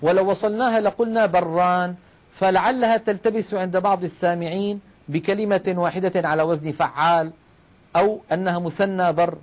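A man's voice: high voice, fairly even intonation, a little fast. A middle-aged man teaching the rules of Quranic recitation, explaining step by step, posing questions and answering them himself. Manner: addresses listeners as brothers. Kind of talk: religious lesson on Quranic recitation.

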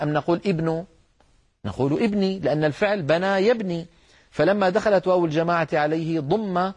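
Husky male Arabic grammar teacher. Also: on the high side. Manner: explanatory, addresses listeners as brothers, asks rhetorical questions. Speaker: Quran recitation teacher. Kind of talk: classroom lesson on Arabic grammar.

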